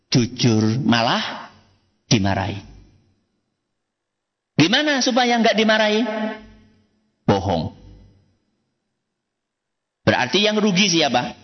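A male Islamic preacher gives a sermon. He keeps asking the congregation questions and answering them himself. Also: high-pitched. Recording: echoey hall, dull lo-fi sound.

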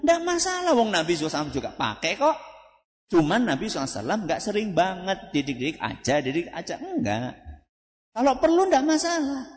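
A man preaches in a religious lecture. His voice sits a little high and swoops up and down as he quizzes the audience and answers his own questions. The sound rings with a long hall reverb. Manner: asks the audience questions and answers them himself; recites Arabic phrases slowly, then explains them.

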